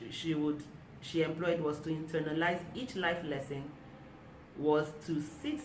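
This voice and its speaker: A woman author reading aloud from her own book of short stories in a measured, deliberate way. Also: low-pitched. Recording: echoey room, mic at a distance, noisy.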